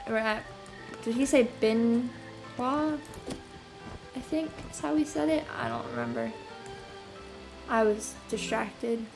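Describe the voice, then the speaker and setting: A young woman plays a game in her apartment and chats casually, rambling to herself with frequent sighs and fillers as a gameplay video host. Her voice is on the high side, and the low-quality recording has game music clearly behind it.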